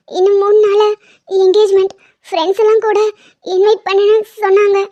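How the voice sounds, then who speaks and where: Cartoon lead: a woman doing a pleading, tearful college girl, very high, mellow tone, dull lo-fi sound. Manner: pleading, emotional. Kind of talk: cartoon drama dubbing. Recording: dull lo-fi audio.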